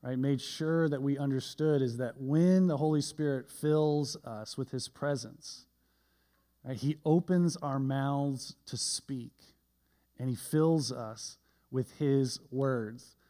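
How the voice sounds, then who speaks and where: A man's voice: medium pitch, slow pace, dark tone. A male pastor giving a conversational sermon with self-deprecating humor, often tagging his points with "right?".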